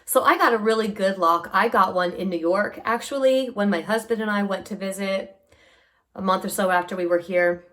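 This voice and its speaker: A woman's voice: medium pitch, normal speed. A woman vlogger casually telling stories to her viewers, acting out what people said along the way. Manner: lively storyteller who acts out what people said. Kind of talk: casual storytelling vlog.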